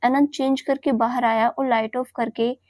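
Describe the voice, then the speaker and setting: A woman storyteller giving scripted audio-story narration at an even, unhurried pace. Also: fairly high pitch, dry recording.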